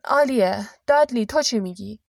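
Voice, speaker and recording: A woman's voice: fairly high pitch, creaky, darkish tone, no room sound, clean studio sound. A woman doing a bossy blustering family man. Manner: commanding, bossy. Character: blustering middle-aged man, bossy head of household.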